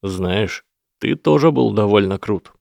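An earnest young boy hero from a storybook, voiced close to the reader's own low, gravelly tone, as a man reads him. The sound is dry and near the mic, plain and direct. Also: animated, a little slow, a little mellow, no echo, lo-fi sound. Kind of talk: audiobook character voice.

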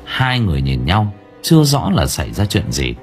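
A man narrating an audiobook in a dramatic, expressive manner. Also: deep voice, moderate pace, soft background music. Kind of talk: scripted narration.

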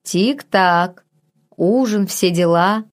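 A woman's voice: fairly low pitch, very slow. A woman voicing a cocky, sarcastic man who teases and scolds. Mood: mocking. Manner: sardonic, teasing. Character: mocking, cocky young man, sharp-tongued.

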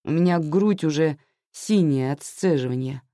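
A woman reading a story aloud, voicing an exhausted young mother who pleads and then shouts in distress. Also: deep voice, normal speed, dry recording, studio quality, natural voice. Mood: aggrieved.

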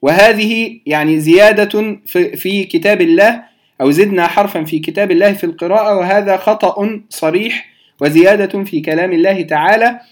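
A man explaining recitation rules to beginners, patient and direct with his listeners, repeating key terms slowly. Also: sits high. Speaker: Quran recitation teacher.

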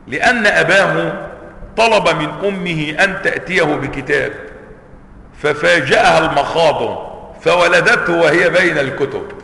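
A man with an Egyptian accent teaching a religious lesson, his voice high and bright. He reads from a classical text and stretches words out for emphasis. Long reverb from a roomy hall trails behind him. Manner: stretches words for emphasis, switches to colloquial asides. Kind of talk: religious lesson, reading a book aloud and explaining it.

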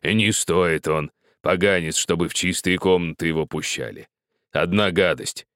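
A man voicing a pious old peasant miner who speaks slowly and gravely, preaching and pleading in an older man's voice. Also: low voice, fairly bright tone, no echo, studio quality. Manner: slow, grave, moralizing.

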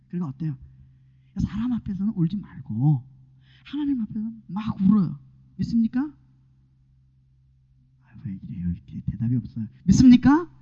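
Animated preacher with hushed asides. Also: male voice, high-pitched. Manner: swinging from hushed whispers to loud exclamations, asking the congregation questions. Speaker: pastor. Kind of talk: sermon. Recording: dull lo-fi sermon recording.

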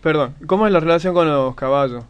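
Brief: co-host, man, quick talker, curious, dry close sound. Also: fairly high pitch, smooth, dry recording. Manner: curious, asks follow-up questions. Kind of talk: casual interview chat.

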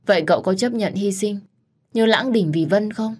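A woman's voice: medium pitch, normal speed, a little mellow, slightly rough, pitched above the performer's own voice, natural voice. A woman voicing a sweet young wife, emotional and affectionate toward her husband.

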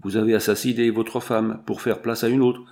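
A man's voice: lowish voice, little pitch movement, fairly quick, darkish tone, lightly acted. A man voicing a defiant young English captive who speaks in indignant outbursts.

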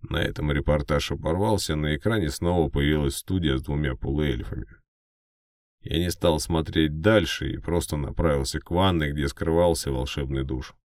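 Very deep-voiced male audiobook narrator. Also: moderate pace, a little mellow, no echo, studio quality. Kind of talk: scripted first-person fiction narration.

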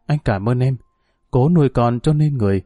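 A man voicing a condemned prisoner in a spoken story, speaking quietly and steadily in farewell. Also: mid-range voice, fairly quick, dry recording, natural voice. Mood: resigned. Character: condemned man, calm and resigned.

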